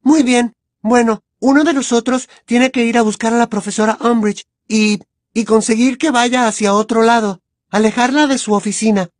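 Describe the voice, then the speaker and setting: A woman's voice: a little high, steady tone, normal speed, a little mellow, no room sound, studio quality, close to an everyday voice. A woman voicing a clever, anxious teenage girl witch who talks with urgent earnestness. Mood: urgent, pleading.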